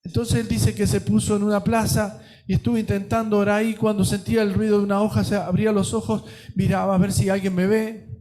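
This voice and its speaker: High-voiced Argentine preacher telling a story. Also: male voice, little pitch movement, quick pace, faint music behind. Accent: Rioplatense Spanish. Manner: storytelling with acted quotes, swinging between loud and soft. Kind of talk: sermon.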